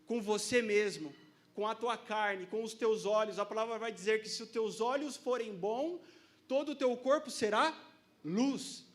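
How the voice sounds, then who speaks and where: Man, Brazilian Portuguese accent, high-pitched, preacher, joking sermon, laughs often. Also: measured pace. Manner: casual, joking, laughs often, calls on the audience.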